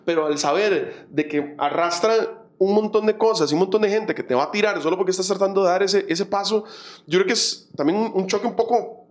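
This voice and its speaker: A man, hosting a casual interview in a measured, conversational way. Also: high voice. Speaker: host.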